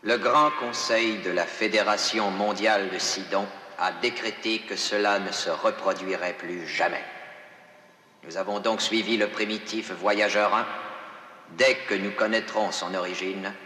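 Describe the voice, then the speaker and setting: Casting: implacable alien chief justice, lowish forceful voice, formal and menacingly solemn, heavily echoed, science fiction dub. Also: male voice, steady tone, measured pace. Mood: accusing, menacing. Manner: solemn, formal, pronouncing sentence. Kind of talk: dubbed science fiction television drama. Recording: cavernous echo with long reverb.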